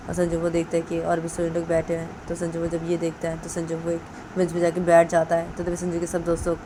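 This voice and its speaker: A woman narrating a romantic story in a plain, repetitive way. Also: on the low side. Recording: noisy background with passing vehicles.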